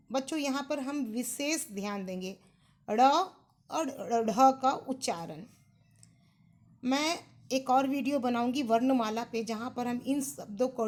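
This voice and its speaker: An Indian woman schoolteacher gives a recorded lesson for primary pupils. She talks slowly in a slightly high voice and says words again and again so the children catch each sound. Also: a little mellow. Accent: Indian English. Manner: slow, patient, repeats and contrasts sounds for children. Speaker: school teacher.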